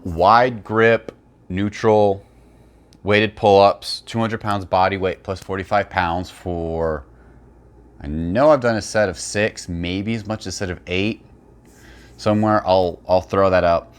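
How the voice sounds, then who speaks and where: A man's voice: low voice, clean tone. A man giving blunt, opinionated, unscripted commentary and explanations as a fitness video creator.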